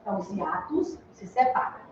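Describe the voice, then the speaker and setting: Her voice medium in pitch and darkish in tone, with big pitch swings and a normal pace, a woman gives a step-by-step Portuguese exam-prep lecture, repeatedly checking understanding with "né?" and "entendeu?". The recording carries slight background noise and comes from a distant, dull mic in a room with echo.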